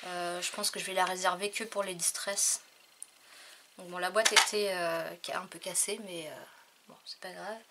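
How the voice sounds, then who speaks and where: A woman talking casually through a crafting haul, hesitant with many fillers and often trailing off quietly. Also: fairly low pitch, steady tone, normal speed, heavy background noise. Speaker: crafting vlogger.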